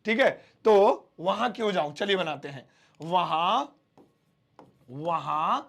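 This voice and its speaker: A man teaching spoken English, explaining patiently and repeating phrases slowly word by word. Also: high voice, animated, a bit bright. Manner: clears throat often. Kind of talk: Hindi-medium English lesson.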